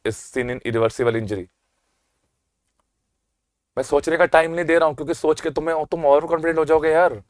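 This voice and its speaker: An energetic man with an Indian accent runs a quick-fire revision lecture at an even, mid-range pitch. He teases and quizzes his listeners, then drags key terms out slowly for emphasis. The sound is close and dry, with no room around it. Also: no room sound. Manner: quizzes the class and answers his own questions. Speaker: medical exam lecturer.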